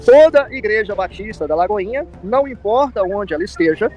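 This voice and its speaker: High-pitched Brazilian man explaining in an interview. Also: expressive, fairly quick, dull audio. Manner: explanatory, repeats himself, seeks agreement with tag questions. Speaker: pastor interviewed as commentator. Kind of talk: spoken interview commentary.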